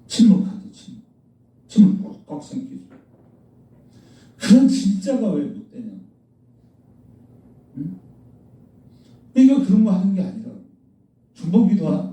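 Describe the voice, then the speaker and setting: A pastor with a fairly high, mellow voice scolds his congregation bluntly during a sermon, peppering them with rhetorical questions. The church sanctuary echoes, and the mic sits at a distance.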